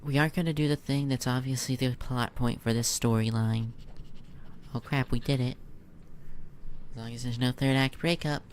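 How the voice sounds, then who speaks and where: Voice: mid-range voice, fairly even intonation, moderate pace, pauses often, a little hiss or hum. Sarcastic let's play commentator. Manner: joking, sarcastic asides. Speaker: gameplay streamer. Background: game music.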